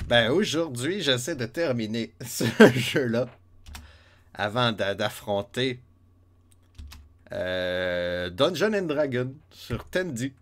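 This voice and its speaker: A man's voice: mid-range voice, expressive, slow pace. A man with a Québécois French accent streaming a retro game live, muttering step counts and chatting with his viewers. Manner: counts steps under his breath, chats with viewers. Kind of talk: live let's play chat.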